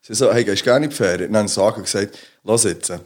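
A man's voice: fairly low pitch, fast, darkish tone. Rambling Swiss German man telling stories. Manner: rambling storyteller, many fillers and restarts. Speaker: podcast co-host. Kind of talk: casual chat.

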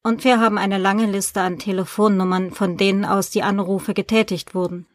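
A matter-of-fact businesswoman in an audiobook, read by a woman. She speaks plainly and calmly. The sound is dry and close. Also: mid-range voice, moderate pace, dry recording, close to an everyday voice.

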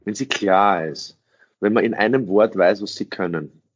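Here a middle-aged man speaks English at a moderate pace, his voice on the low side and slightly rough. As a sales trainer answering interview questions, he is emphatic, repeats phrases, and asks rhetorical questions. The audio is dull and lo-fi.

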